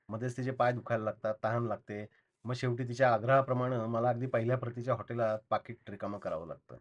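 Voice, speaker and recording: A man reading a short story aloud in a calm, steady first-person narration. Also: mid-range voice, lo-fi sound.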